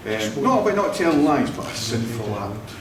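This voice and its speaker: Scottish guy doing a vow renewal, lively up-and-down voice, bit far from the mic in a boomy church. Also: normal speed, background noise. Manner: jovial, laughs often while telling stories. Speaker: wedding celebrant. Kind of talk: ceremony speech with anecdotes. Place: church hall. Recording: echoey room, mic at a distance.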